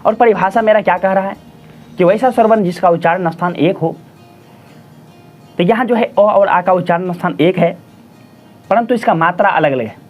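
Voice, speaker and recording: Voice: mid-range voice, normal speed, pauses often, a little mellow. A teacher giving a patient grammar lesson, repeating each definition and answering their own questions while addressing listeners as friends and children. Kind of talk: classroom-style grammar lesson. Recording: dull lo-fi audio with faint music.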